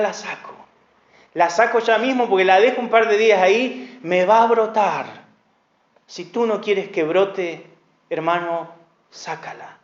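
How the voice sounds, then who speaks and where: A male pastor preaching an earnest sermon, often calling his listeners brother and sister. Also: high-pitched. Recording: echoey, dull church recording.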